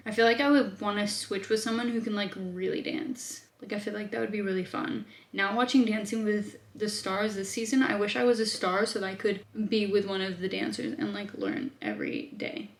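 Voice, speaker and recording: A woman's voice: medium pitch, moderate pace, gravelly. A young woman from Australia, chatting casually as a vlogger and answering viewer questions, thinking aloud with lots of fillers. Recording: roomy echo.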